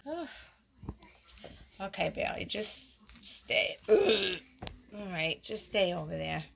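A woman's voice: medium pitch, very animated, takes it slowly, gravelly, slight background noise. A woman narrating a doll role-play vlog, fussing over a sick doll in a soothing tone and talking to her viewers. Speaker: doll vlogger.

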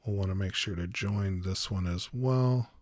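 Low-voiced guy, slow unhurried cad tutorial, dry close mic. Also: no room sound. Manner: calm step-by-step instruction with ums. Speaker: tutorial host. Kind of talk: screen-recorded software tutorial.

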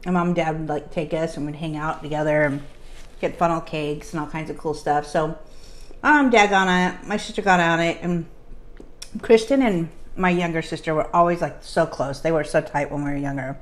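Woman, casual eating vlogger; slightly low voice, chatty, filler-heavy storytelling. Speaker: mukbang vlogger.

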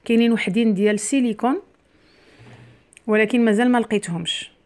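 A middle-aged Moroccan woman talks her viewers through a recipe in a relaxed, chatty way. She keeps calling them "girls" and adds asides as she works. She is recorded in her home kitchen on a camera set on the counter. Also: a little high, fast talker. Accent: Moroccan Arabic. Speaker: cooking channel host. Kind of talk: casual cooking vlog chat. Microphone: camera near the worktop, speaker mostly off frame.

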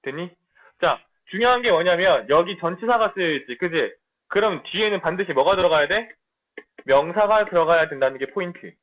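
A man with a high, lively voice giving an online English lesson in blunt, casual banter. He keeps checking that his students follow along. The sound is thin and tinny, like a phone line. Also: a little fast. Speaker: middle school English teacher. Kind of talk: online lecture.

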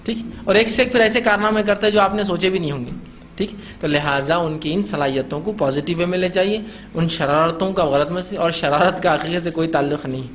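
A man's voice: on the high side, a little fast, slight background noise. A man giving an informal lecture on parenting, acting out the lines parents say to children. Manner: conversational, acts out parents' scolding lines. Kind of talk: informal talk to an audience.

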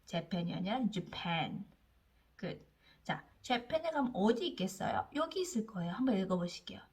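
A woman teaching English reading, sounding out each letter slowly and coaxing learners to repeat words after her. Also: mid-range voice, big pitch swings, a little mellow. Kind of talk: slow phonics lesson for learners.

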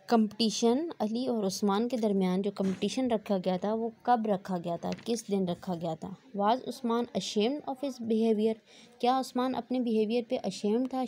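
A woman teacher gives a recorded lecture. She reads English questions slowly and then explains them in Urdu-Hindi, saying "theek hai" often. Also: on the high side, warm tone.

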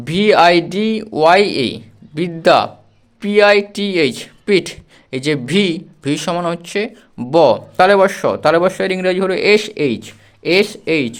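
A man teaching a spelling lesson, slowly repeating and spelling out words letter by letter. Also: high voice, expressive. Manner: slow, repetitive drilling, spells words out letter by letter.

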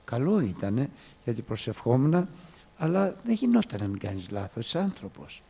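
A man preaching a sermon, telling a story with swings from soft to loud. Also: mid-range voice, very animated, gravelly, breathy edge.

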